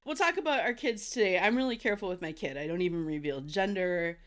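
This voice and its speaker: A woman's voice: fairly low pitch, quick pace, a bit bright. A woman in her forties with a Minnesotan accent, co-hosting a podcast and telling stories in a rambling, repetitive way. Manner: rambling storyteller, repeats words. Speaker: podcast co-host. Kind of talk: casual podcast chat.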